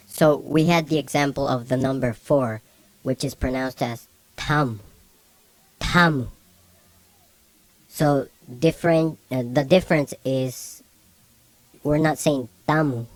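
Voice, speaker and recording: Guy teaching a beginner language class, really slow, repeats words a lot, dry close sound. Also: medium pitch, darkish tone, no echo. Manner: slow, repeats each word several times.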